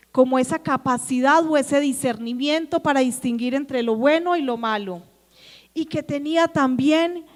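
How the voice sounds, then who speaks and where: Woman preacher, Colombian Antioquia accent, high voice, lively sermon, questions the congregation, long church-hall reverb. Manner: lively, acts out quoted dialogue, asks the congregation questions.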